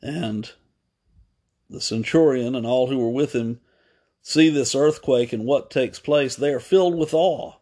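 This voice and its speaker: A male preacher speaks at an ordinary mid-range pitch. He talks his way through a story in an unhurried way, stopping on fillers and fixing his own slips. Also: warm tone. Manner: unhurried, pausing with fillers and self-corrections. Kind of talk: unscripted sermon retelling.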